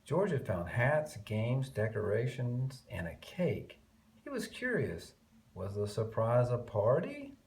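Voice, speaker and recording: This man's mid-range voice moves slowly as he reads a picture book aloud to young children, emphasizing key words by drawing them out and murmuring chatty comments along the way. Slight background noise can be heard.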